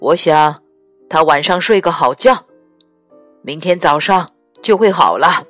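A woman voicing a busy male animal doctor in a picture-book story, speaking in a lowered, firm, loud voice. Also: unhurried, no echo, soft background music. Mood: calm, firm. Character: brisk grown man, a busy animal doctor.

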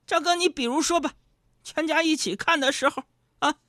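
A man doing a stand-up comedy monologue. He talks to the audience in an animated, mock-indignant way. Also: very high voice, a little fast, dry recording, clean studio sound.

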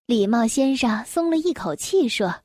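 A woman reading a children's story aloud in a gentle, expressive storytelling voice. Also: fairly high pitch, moderate pace, husky, no echo, studio quality.

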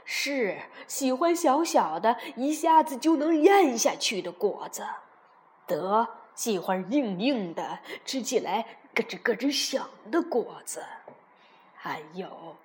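A woman voicing a big, loving male T-rex father who calls out loudly and emotionally in a children's storybook. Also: fairly high pitch, sing-song, slow. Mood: gently explaining. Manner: calls out loudly, voice cracking with tears.

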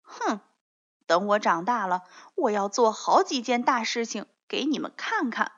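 A woman's voice: fairly high pitch, lively intonation, measured pace, a bit bright. A woman voicing a sulky, daydreaming schoolboy in a children's story, pouting and grumbling. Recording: dull lo-fi recording.

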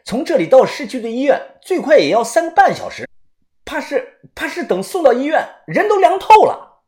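Jumpy young Taoist, high and stammering, as the narrator plays him. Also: male voice, sing-song, normal speed, darkish tone. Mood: panicked. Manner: high-pitched, flustered and stammering. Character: young male Taoist with some medical skill, panicky.

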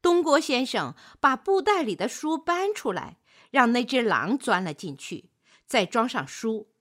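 Bright, expressive woman storyteller. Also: fairly high pitch. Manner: expressive, deliberate. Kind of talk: children's story narration.

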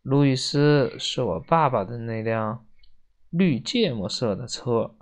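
A storyteller reading a children's book aloud slowly and expressively, doing the characters in different voices. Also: mid-range voice, lively intonation. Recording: dull lo-fi recording.

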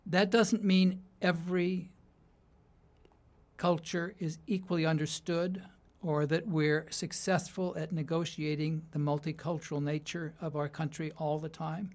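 Speaking in a slightly high voice, a university writing instructor from the United States answers interview questions thoughtfully, frequently starting sentences over and slipping into light laughter.

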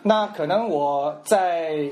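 A man's voice: a little high, slow pace, a little mellow, a little hiss or hum. A man with a Shanghainese accent, teaching the dialect in a playful, joking casual chat.

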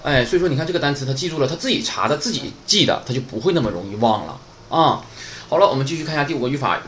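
A man's voice: fairly high pitch, a bit bright, a little hiss or hum. A man teaching beginner Japanese in a casual, chatty online lesson, often asking "right?".

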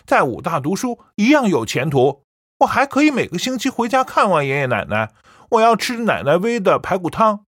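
A woman's voice: medium pitch, big pitch swings, normal speed, no echo, studio quality. A woman doing a blunt, defiant young man. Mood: stubborn. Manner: blunt and cold. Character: stubborn young man, defiant toward his mother.

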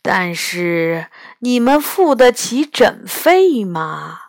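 A woman's voice: mid-range voice, very animated, no echo, studio quality, heavily acted. A woman voicing a proud, money-hungry old man who is a god of animal healing, in a children's storybook. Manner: slow, proud and drawn out.

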